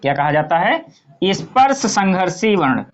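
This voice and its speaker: A male teacher walks slowly through a grammar lesson. He poses a question and then answers it himself, as in a classroom drill. He lists example words one by one at an unhurried pace. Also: high-pitched, sing-song, highs cut off, a little hiss or hum.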